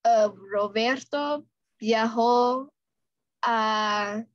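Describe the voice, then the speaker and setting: Female language student, slow and careful, higher voice, dry dull-sounding online audio. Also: no echo. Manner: hesitant, careful repeating.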